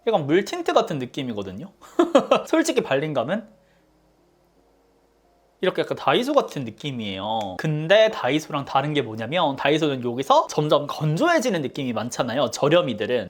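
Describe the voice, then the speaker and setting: A beauty vlogger chatting casually through a makeup tutorial, talking to themself and often breaking into surprised exclamations. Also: medium pitch. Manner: chatty, talks to self, frequent surprised exclamations.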